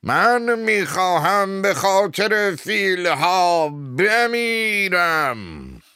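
A man reading an audiobook, voicing an indignant American photographer who shouts in a raised, strained voice. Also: fairly high pitch, clean tone, no room sound, clean studio sound, pitched above the performer's own voice. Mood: shouting.

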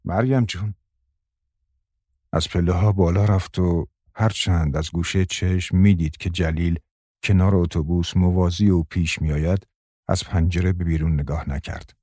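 A man narrating an audiobook in a calm, measured way. His voice is very low and dark with a husky edge, recorded close and dry with no room sound. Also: dry recording.

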